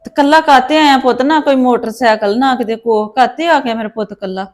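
A woman's voice: a little high, fairly quick, lightly acted. A woman playing a stern old grandmother who fusses over her grandson and scolds her daughter in a family drama. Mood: fussing. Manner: scolding and fussing. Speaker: maternal grandmother. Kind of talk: Punjabi family drama acting.

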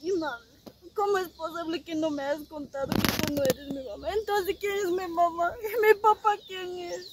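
A woman's voice: very high voice, normal speed, heavy background noise. A woman playing a tearful young adopted daughter pleading with her mother. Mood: hurt.

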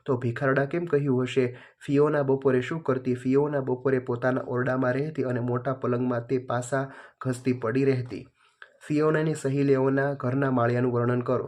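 Man, teacher, reading workbook answers, steady, monotone. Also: mid-range voice. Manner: steady, flat reading with small pauses.

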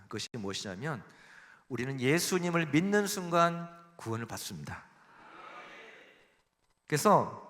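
A man's voice: on the high side, pushed and bright. A man preaching a Sunday sermon as a church pastor, emphatic, acting out quoted voices and leading the congregation in reading. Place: church sanctuary. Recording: long reverb in a church hall.

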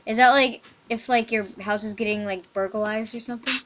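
Bright, chatty young woman gaming. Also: on the high side, steady tone, fairly quick, low-quality recording. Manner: rambling, chatty, lots of "like". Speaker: gaming channel host. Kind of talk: casual gameplay commentary. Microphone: computer mic.

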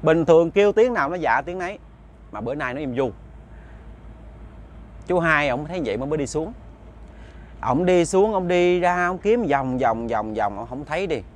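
A man's voice: a little high, expressive, normal speed, long pauses. A man with a Southern Vietnamese accent telling a ghost story in a chatty, casual way, speaking directly to his listeners.

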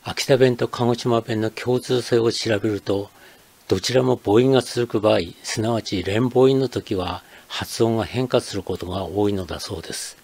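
An older man from Akita, Japan, reading a scripted narration as channel host in a measured, explanatory way. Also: on the low side, gravelly, darkish tone, breathy edge.

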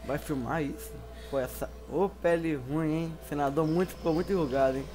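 Brazilian guy freaking out during a horror game lets play, kinda high voice, game music loud in the back. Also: a little fast. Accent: Brazilian Portuguese. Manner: panicky, yelling and pleading at the game. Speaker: gameplay youtuber.

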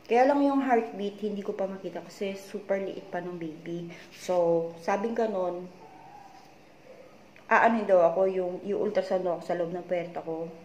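A woman from the Philippines vlogging, anxiously retelling conversations in a low, weak voice. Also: moderate pace, a little mellow. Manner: retells conversations, repeatedly tagging them with "she said"; worried, confiding tone. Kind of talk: personal story-time vlog. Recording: echoey room with faint background noise.

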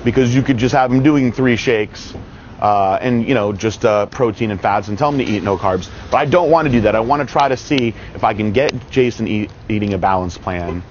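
A man's voice: lowish voice, fairly quick. A man in his thirties coaching outdoors in a parking lot, speaking confidently and emphatically on a lapel mic. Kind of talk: casual outdoor interview. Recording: dull audio with faint outdoor noise.

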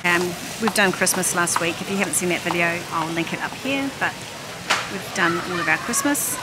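A woman's voice: on the low side, moderate pace. A middle-aged woman, chatting as she browses and films a shopping vlog on a handheld phone. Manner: chatty, thinking aloud while browsing. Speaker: vlogger. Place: busy warehouse store. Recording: loud store noise behind.

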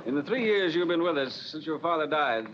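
An actor playing a brisk, commanding older boss of a law firm in a 1930s film, on a dull old soundtrack with hiss. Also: male voice, on the high side, lively intonation, lightly acted. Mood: stern.

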